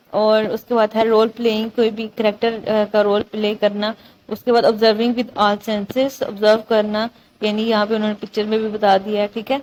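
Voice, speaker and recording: A woman's voice: on the high side, a little mellow, slight background noise, poor audio. A woman tutor, going over exam topics in a casual lecture, often checking in with her students. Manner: repetitive, checks in with "theek hai?".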